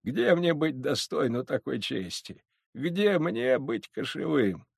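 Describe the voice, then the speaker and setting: Man as an old humble Cossack for a storybook, low and soft-spoken. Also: sing-song, slow, vocal fry, breathy edge, dry recording, studio quality, heavily acted. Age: older. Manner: humble, hushed. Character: old, shrewd, modest male Cossack.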